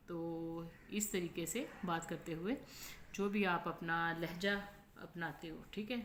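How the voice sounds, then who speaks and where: Speaking low, with a pushed, bright quality, a Pakistani woman teaches an online lesson in a patient manner and a Pakistani Urdu accent. She explains at a slow pace and frequently checks with "ठीक है?" Echo and faint noise fill the recording.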